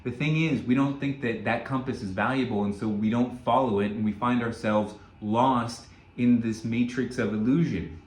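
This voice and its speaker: A man's voice: mid-range voice, fairly even intonation, normal speed, a little mellow, roomy sound. A man coaching listeners in a spoken motivational lesson, telling a story and often checking in with "right?". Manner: earnest, storytelling, frequent "right?" check-ins. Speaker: self-help coach.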